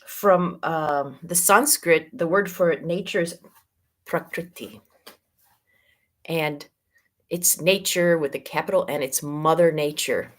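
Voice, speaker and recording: A middle-aged woman with a Midwestern American accent gives a spiritual teaching talk. Her voice sits a little low and stays gentle. She is unhurried and stretches out the words that matter. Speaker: yoga teacher.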